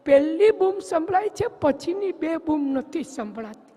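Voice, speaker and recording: A man's voice: very high-pitched, expressive, measured pace, warm tone, in a large hall. A man voicing a tipsy, sheepish older man in a joke.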